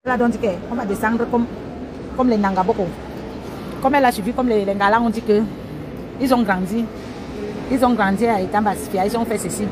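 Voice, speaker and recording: A woman, relaying celebrity news in animated, insistent gossip commentary, recorded outdoors. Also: a little high, brisk, pauses often. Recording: loud crowd and street noise outdoors.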